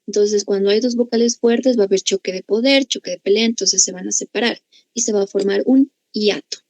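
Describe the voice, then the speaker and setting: A woman's voice: medium pitch, a little fast, a little mellow, dry recording, poor audio. A woman with a Bolivian accent teaching a grammar class, explaining patiently and often checking in with her students. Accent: Bolivian Spanish. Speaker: language teacher.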